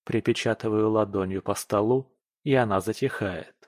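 A man narrating a first-person audiobook in a calm, cold, even manner. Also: lowish voice, normal speed, no echo, studio quality.

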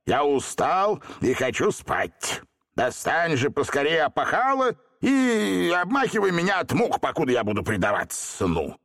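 A man voicing a haughty, spiteful old male genie in an audiobook, with a sneering, drawn-out delivery. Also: on the high side, huge pitch swings, a bit bright, voice pushed up, full character voice. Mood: scornful. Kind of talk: audiobook character reading.

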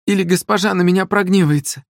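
A terrified young hired killer pleads in a high, strained voice, as a male storybook reader puts her on. She gabbles breathlessly, swallowing her syllables. The recording is dry and close. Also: steady tone, quick pace, creaky, no echo. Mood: frightened.

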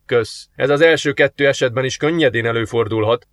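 A man's voice: medium pitch, a bit bright, dry recording, close to an everyday voice. A man voicing a sardonic, cocky male demon in human guise, talking in a mocking, sarcastic way for an audiobook.

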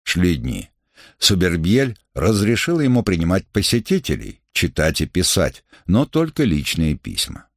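A man narrating a historical novel as an audiobook, in a measured literary reading. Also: low-pitched, wildly swooping pitch, creaky, no echo, clean studio sound. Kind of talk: scripted narration.

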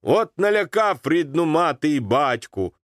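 A man voicing a gruff, jovial older boat skipper with a Ukrainian accent, scolding warmly. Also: a little high, big pitch swings, a little slow, no echo, clean studio sound, pitched above the performer's own voice.

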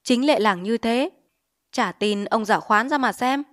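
A stubborn, learned village elder argues and cries out, as a woman reader puts him on. His voice rises fairly high and sharp. It comes from a narrated novel. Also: a little slow, lightly acted. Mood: stubborn arguing. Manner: argumentative, shrill when angry.

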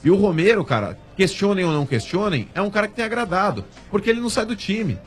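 A man's voice: sits high, big pitch swings, fast talker. A man with a Brazilian Portuguese accent arguing insistently in a football debate on a radio show, often cutting in to repeat his point. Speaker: sports show panelist. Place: radio studio.

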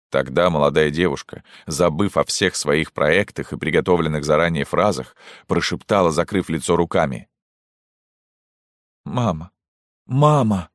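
Deep-voiced male audiobook narrator. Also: no room sound, studio quality. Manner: calm, measured reading.

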